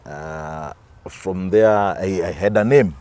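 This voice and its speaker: Kenyan man, deep voice, storytelling interview guest, repeats and restarts words. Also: slow pace, darkish tone. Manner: repeats and restarts words while telling stories. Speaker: guest actor.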